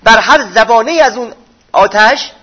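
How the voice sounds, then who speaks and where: A man's voice: extremely high pitch, bright, forceful tone. A man giving a religious lecture, explaining old texts in plain everyday speech.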